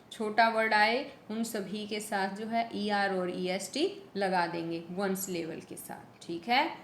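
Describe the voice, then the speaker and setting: A woman teacher giving a grammar lesson, asking questions and answering them herself, repeating key points. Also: a bit bright. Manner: slow, repetitive, asks and answers her own questions. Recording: echoey room with faint rumble.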